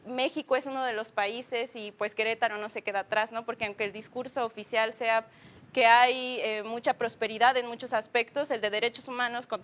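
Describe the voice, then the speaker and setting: A woman's voice: on the high side, a bit bright. A woman with a Mexican accent speaking as a guest on a TV panel, earnest and thorough, with many fillers. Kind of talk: panel discussion.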